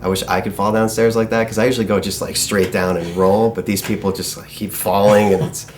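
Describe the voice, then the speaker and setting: A man's voice: lowish voice, little pitch movement, fairly quick, soft background music. A man in a documentary interview, talking casually and self-deprecatingly.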